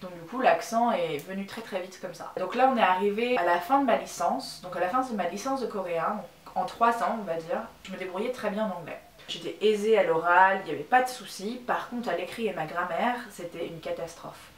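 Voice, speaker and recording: In a casual vlog, a twenty-something woman from France talks candidly, often restarting and using fillers. She speaks briskly at medium pitch, far from the mic, so the sound is roomy and echoey, with faint background noise.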